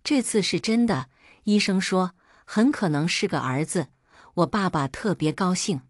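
A woman's voice: lowish voice, animated, measured pace, no echo, studio quality. A woman voicing a coquettish young woman who is sweet-talking her boyfriend in a storybook reading. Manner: sweet, wheedling.

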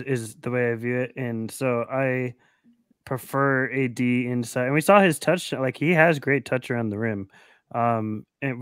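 A man's voice: medium pitch, clear, resonant tone, dry recording, clean studio sound. Man analyzing basketball on a video call. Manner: thoughtful, explains at length with restarts. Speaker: podcast co-host. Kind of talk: casual sports talk. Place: home room on a video call.

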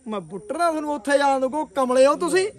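A young man with a Punjabi accent, in animated, protesting banter with his friends. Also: very high-pitched, racing.

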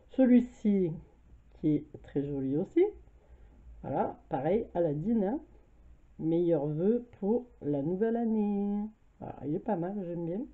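A woman's voice: lowish voice, lively intonation, takes it slowly, pauses often. A French woman with a cold, casually showing her craft purchases and filling her talk with hesitations. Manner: chatty, hesitant, many fillers. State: has a cold, coughing. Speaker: craft vlogger. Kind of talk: casual haul video. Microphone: camera mic at home. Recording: tinny phone-like sound.

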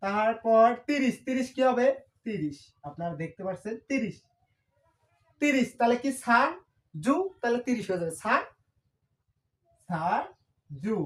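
Slow-paced woman drilling number words. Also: on the high side, lively intonation. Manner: repeats and drills each number, asks and answers her own questions; corrects herself with quick "sorry". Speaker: Japanese language teacher. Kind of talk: whiteboard lesson explanation.

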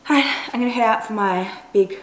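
A young woman chats casually to camera in a home kitchen. Her voice sits at a middle pitch, with roomy echo and clear noise around it. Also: fast talker. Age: young adult. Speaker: running vlogger. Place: indoors, bright home kitchen. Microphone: camera a couple of metres away.

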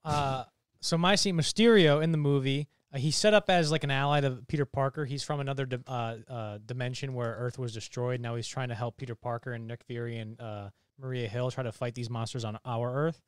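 Podcast panelist, male, smooth clear voice, dry close sound, excitable rambling recap. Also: mid-range voice, brisk, no room sound. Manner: excited, rambling retelling with many fillers. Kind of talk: casual movie podcast chat.

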